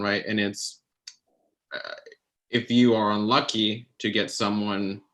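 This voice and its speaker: A man's voice: on the low side, a bit bright. A man interviewing a guest on a livestream, conversational and prompting with questions.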